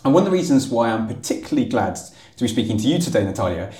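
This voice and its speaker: A man's voice: medium pitch, sing-song, quick pace, mellow, roomy sound. A man hosting an interview podcast, introducing his guest and asking conversational questions. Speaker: podcast host.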